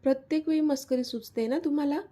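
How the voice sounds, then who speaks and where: A woman's voice: high-pitched, fast talker, dark tone, close to an everyday voice. A woman voicing a pouting, tearful young woman in a storybook love story. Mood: sulky. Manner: pouting, pleading.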